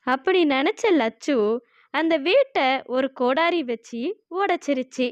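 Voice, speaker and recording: A woman narrating a children's cartoon story in a plain, steady way. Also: high voice, unhurried, dry recording, lo-fi sound.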